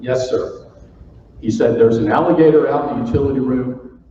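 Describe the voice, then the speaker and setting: Speaking at a moderate pace with a warm, steady, medium-pitched voice, a Florida man gives a funny keynote in a big conference hall. He spins stories for the live crowd, folksy and jokey, teasing the audience playfully. Captured from far off, the hall audio is roomy and muffled with a little noise.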